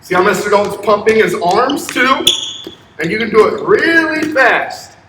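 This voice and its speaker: Heard at a distance in a large, empty school gym, this young male elementary PE teacher has a high, expressive voice at normal speed. He's demonstrating fitness moves for children with upbeat, encouraging, short and simple directions. The camera mic sits a few steps away, giving an echoey sound over a noisy background.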